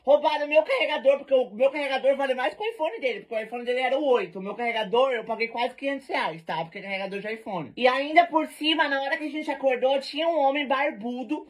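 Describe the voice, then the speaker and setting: A woman telling a party story to camera in a casual, animated and slangy way. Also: high voice, fast talker, few pauses.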